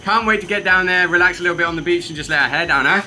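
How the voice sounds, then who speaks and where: Young travel vlogger, bright and a bit high, upbeat chatty host on a handheld camera. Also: male voice, racing. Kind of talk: casual vlog narration. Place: outdoors and in a cable car.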